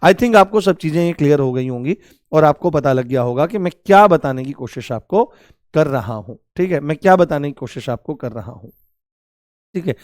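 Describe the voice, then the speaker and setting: A man's voice: fairly high pitch, animated, normal speed, darkish tone, no echo, studio quality. A man teaching a grammar lesson, asking questions and answering them himself, fondly calling his students "babu". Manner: calls listeners "babu" affectionately.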